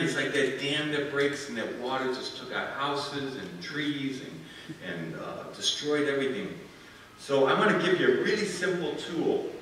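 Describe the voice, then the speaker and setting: An older man delivering a sermon in a folksy storytelling way, his bright voice carried from a distance through a big echoing sanctuary. His recording has a long hall reverb and a faint hum of room noise. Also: fairly high pitch. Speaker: guest preacher. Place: church sanctuary. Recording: distant echoey church hall.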